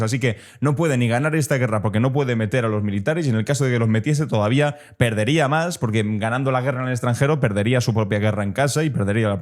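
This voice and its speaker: A man from gives exasperated, sarcastic commentary on video clips, with many fillers. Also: medium pitch. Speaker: political commentator.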